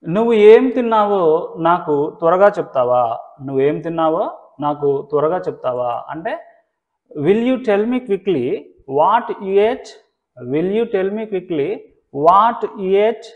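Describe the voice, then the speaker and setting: A man teaching English phrases, with a Telugu accent, who explains patiently and slows right down to spell out each example sentence. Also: high voice, sing-song. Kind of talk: spoken English lesson. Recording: tinny phone-like sound.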